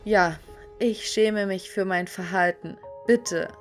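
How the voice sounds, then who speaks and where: A woman voicing a young woman in an animated story who speaks with intense, apologetic force. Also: mid-range voice, takes it slowly, soft background music, natural voice. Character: sharp-tongued young woman, repentant.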